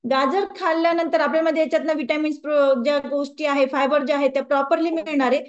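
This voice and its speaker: A high-pitched woman teaches a wellness class and turns often to the group with questions. The recording sounds dull and lo-fi. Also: steady tone, fast talker. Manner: conversational, asks the audience questions. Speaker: wellness coach. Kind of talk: lecture to a group.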